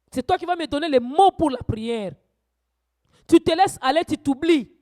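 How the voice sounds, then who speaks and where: A woman preacher with a high voice delivers a church sermon, moving from quiet asides to loud, urgent exhortations.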